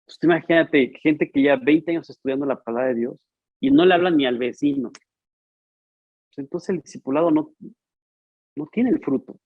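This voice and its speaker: A man's voice: fairly high pitch, normal speed, long pauses, no room sound, muffled recording. A man preaching a sermon in a conversational, storytelling way, acting out the dialogue. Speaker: pastor.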